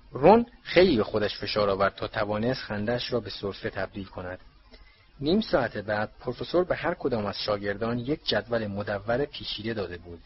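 A man narrating an audiobook novel in a steady, measured manner. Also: lowish voice, slight background noise. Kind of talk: scripted narration. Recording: dull lo-fi recording.

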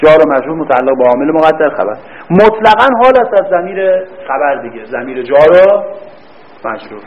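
High-voiced male teacher, lo-fi recording. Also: lively intonation. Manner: quizzes students, then answers his own questions; drawls words out slowly when repeating them. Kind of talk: classroom grammar lecture. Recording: dull lo-fi recording.

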